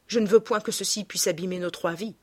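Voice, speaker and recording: A woman reads an earnest male painter in a storybook reading, loud and emphatic. Her tone is breathy and husky. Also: medium pitch, steady tone, quick pace, natural voice. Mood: urgent. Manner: emphatic, urgent exclamations. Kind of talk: audiobook reading.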